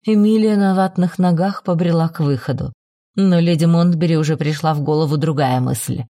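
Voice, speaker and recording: A woman reading a novel aloud as an audiobook narrator, measured and expressive. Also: deep voice, no echo, clean studio sound.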